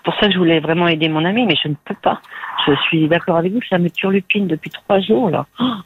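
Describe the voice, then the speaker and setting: A woman's voice: fairly low pitch, quick pace, a little hiss or hum. A woman calling in to a radio advice show, talking anxiously with stammering repetitions. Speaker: caller. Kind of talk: phone-in call. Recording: tinny phone line.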